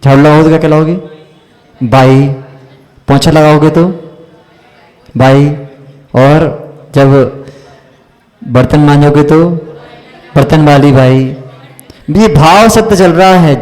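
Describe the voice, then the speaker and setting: A man, a Jain monk, gives a religious teaching discourse at an unhurried, deliberate pace, his voice sitting a little high for a man. He keeps quizzing his listeners and checking that they follow, and his words trail off into a long hall reverb. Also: a little mellow. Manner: quizzes listeners with questions and repeated "isn't it?" checks.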